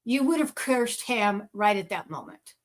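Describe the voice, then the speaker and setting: A woman's voice: mid-range voice, expressive, measured pace. A woman co-hosting a podcast, casually and emphatically talking through her views on a scripture reading. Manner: opinionated, emphatic, talks through her reasoning. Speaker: podcast co-host.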